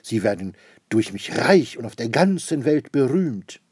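A man voicing a fat, cigar-smoking rich gentleman who speaks in slow, breathless raptures. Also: medium pitch, very animated, slightly rough, dry recording, clean studio sound, voice pushed up. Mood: breathless delight.

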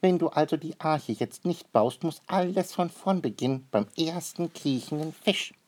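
The character here is a fussy, inquisitive male water bird, voiced by a man in a read-aloud storybook. The bird talks in a high, questioning, naively clever way, delivered expressively at a moderate pace.

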